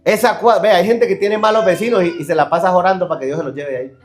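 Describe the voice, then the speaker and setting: Male pastor, high voice, emphatic sermon delivery with questions to the crowd, echoey church hall. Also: fast talker. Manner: emphatic, questions the congregation and acts out quoted excuses.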